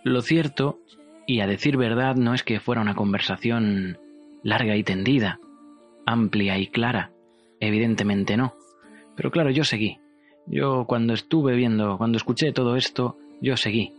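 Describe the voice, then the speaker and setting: A man hosting a paranormal show, telling it in an earnest, confessional way and slowing down to stress points. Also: mid-range voice, faint music behind. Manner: earnest, insistent, slows for emphasis. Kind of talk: confessional radio-style narration.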